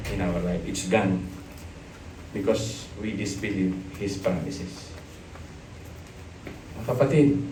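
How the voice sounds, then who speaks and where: A middle-aged man with a Filipino accent preaching a sermon, animated and joking, mixing Tagalog with English. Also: lowish voice, distant mic, slight background noise. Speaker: pastor. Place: church hall. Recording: echoey church hall, from off the mic.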